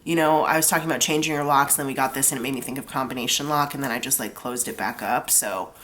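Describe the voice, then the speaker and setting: Extremely low in pitch, quick and fairly bright, this young woman's voice comes through congested from a cold. She chats through a tarot reading, saying "like" a lot as she explains every pull.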